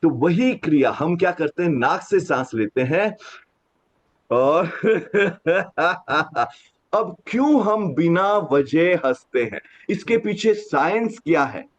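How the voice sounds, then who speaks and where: A man leading a laughter yoga class, counting aloud and explaining the exercises, switching into slow, deliberate English phrases. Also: fairly high pitch, big pitch swings. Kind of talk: guided group exercise with explanations. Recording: dull lo-fi sound.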